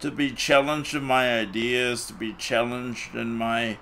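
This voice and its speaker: A man's voice: mid-range voice, level tone, unhurried, creaky, a bit bright, a little hiss or hum. A man hosting a podcast in casual chat, rambling with lots of fillers and restarts. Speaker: podcast host. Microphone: desktop mic on a voice call.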